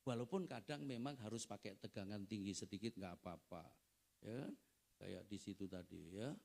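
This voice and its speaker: A man's voice: lowish voice, normal speed, creaky, a little mellow. A middle-aged male pastor giving a family seminar sermon, preaching conversationally with frequent asides to the audience.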